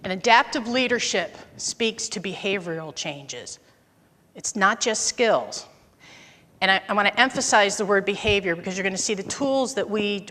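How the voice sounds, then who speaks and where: A woman's voice: mid-range voice, fairly bright tone, big-room sound, a little hiss or hum. A woman in her fifties giving a conversational conference talk, telling anecdotes from her career. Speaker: conference presenter. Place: conference auditorium.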